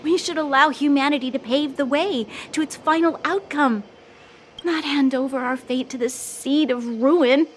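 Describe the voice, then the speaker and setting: A woman's voice: high voice, normal speed, a little hiss or hum, natural voice. A woman playing an earnest, resolute young noblewoman guardian with solemn, dramatic delivery in an anime game dub. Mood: resolute defiance. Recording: music behind voice.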